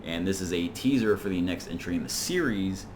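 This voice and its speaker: A man hosts an informal video essay as a reviewer, recapping and commenting in a rambling, conversational way. His deep voice is expressive and a little fast, with slight background noise.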